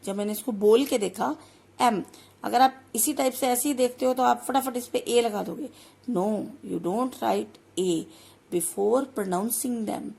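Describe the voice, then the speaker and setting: A woman teacher walks through a grammar lesson at an unhurried pace. Her voice sits a little high and carries a gravelly edge. She explains each point step by step and stretches out every phrase she reads aloud. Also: darkish tone. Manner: explains step by step, slows down sharply for English phrases. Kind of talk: classroom-style lesson.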